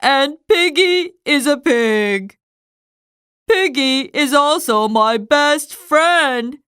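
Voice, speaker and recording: A woman voicing an anxious, melodramatic male elephant with a cold, sneezing and halting as she reads a storybook aloud. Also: high-pitched, animated, a bit bright, no echo, studio quality, full character voice. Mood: miserable. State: sneezing, stuffy.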